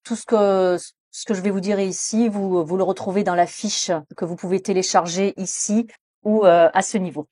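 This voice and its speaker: A woman teaching English pronunciation in French, explaining patiently with frequent hesitations and slowing down to model English example sentences. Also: mid-range voice, steady tone, mellow, no echo, studio quality.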